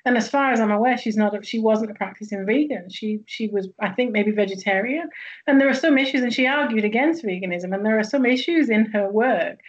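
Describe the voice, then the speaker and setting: A woman with a Northern English accent from the northwest of England speaks thoughtfully as a guest sociologist in an academic interview, using many fillers and restarts. Her voice is a little high and a little fast, and the recording is muffled.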